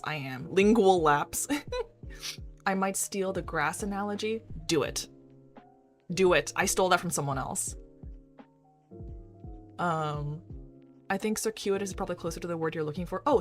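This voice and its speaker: A woman psychiatrist chatting casually on a live stream, talking in circles and laughing often. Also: fairly low pitch. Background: faint background music.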